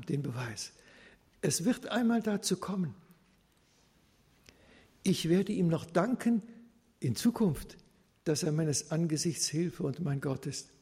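Preacher, man, mellow husky voice, slightly high, earnest sermon delivery, long church echo. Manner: earnest, measured preaching with repeated phrases and occasional fillers.

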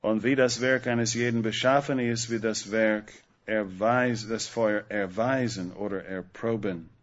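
A man preaching a sermon, slow and emphatic, putting rhetorical questions to the congregation. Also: lowish voice, fairly even intonation, lo-fi sound.

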